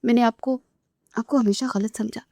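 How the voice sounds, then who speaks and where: A woman's voice: fairly high pitch, fairly even intonation, mellow, no echo, close to an everyday voice. A woman voicing a remorseful young woman in a novel reading, pleading with a breaking voice.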